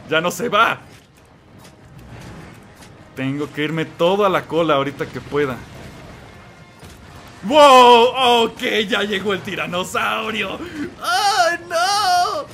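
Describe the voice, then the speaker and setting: A man giving excited let's-play commentary, yelling and exclaiming at the game and talking to the monster. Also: a little high. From Mexico. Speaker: gamer playing and commenting.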